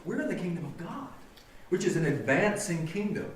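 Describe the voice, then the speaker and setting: Man, pastor, earnest sermon, lively rise and fall, distant mic in echoey church. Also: sits high, brisk. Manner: earnest, conversational preaching with rhetorical questions. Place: church sanctuary.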